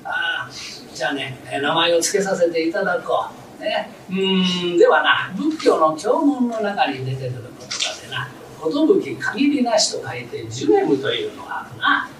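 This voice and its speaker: A man playing a calm, kindly old neighborhood elder in a comic story, heard from afar in a roomy, noisy hall. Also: sits high, moderate pace, far from the mic. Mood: calm, fatherly.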